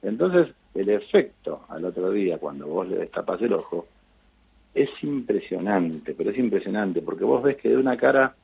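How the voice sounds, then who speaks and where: A middle-aged Argentine man, an eye surgeon, telling stories in a relaxed interview, with lots of fillers and restarts. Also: lowish voice, normal speed, vocal fry, breathy edge. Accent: Argentine Spanish. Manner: animated storytelling with frequent fillers and restarts. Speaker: eye surgeon on charity missions. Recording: tinny phone-line sound.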